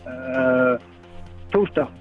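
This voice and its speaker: A man's voice: mid-range voice, lo-fi sound, soft background music. A man from Sweden competing in a radio quiz, answering with hesitant fillers. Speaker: quiz contestant.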